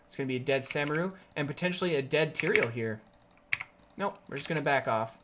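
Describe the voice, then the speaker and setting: Brisk and mid-range, this streamer's raspy, sore voice, blamed on energy drinks, stays upbeat through live gameplay commentary, explaining plays and erupting in sudden excitement. Background noise runs underneath.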